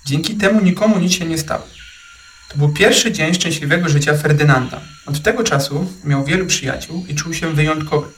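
A man reading a children's animal story aloud with gentle, expressive storytelling. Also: on the high side, brisk, distant mic, slight background noise. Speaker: narrator. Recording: echoey room, off-mic, faint ambience.

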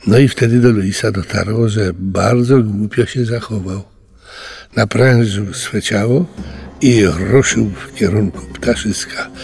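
Mężczyzna spokojnie czytający bajkę dla dzieci. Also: male voice, on the low side, vocal fry, husky, no room sound, faint music behind. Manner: calm, unhurried. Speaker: narrator. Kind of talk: storybook reading.

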